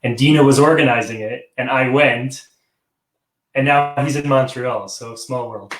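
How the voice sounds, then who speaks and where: There's slight background noise as this man, with a mid-range voice and normal speed, hosts a casual live theater talk show online over a video call. He rambles with many restarts and chuckles, and the audio carries a roomy echo.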